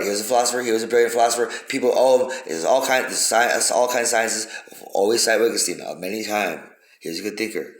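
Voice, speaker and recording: A man's voice: fairly low pitch, fairly bright tone. A man giving a rambling, profane philosophical monologue, repeating himself for emphasis. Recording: roomy echo.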